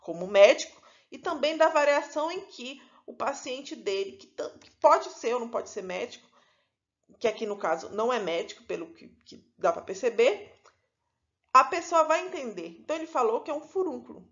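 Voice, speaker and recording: A woman's voice: a little high, animated, moderate pace, fairly bright tone, highs cut off. A woman from Pará with a Paraense Brazilian accent, teaching a recorded lesson in an explanatory way, often adding "né" and correcting herself mid-phrase. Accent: Paraense Brazilian Portuguese. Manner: explanatory, with frequent "né" and self-corrections.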